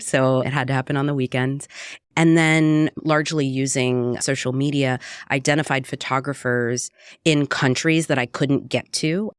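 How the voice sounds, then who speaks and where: In a clean, echo-free studio recording, a Puerto Rican woman with an extremely low voice, known as a cookbook author and radio producer, reflects earnestly in a conversational interview, dropping "right?" again and again.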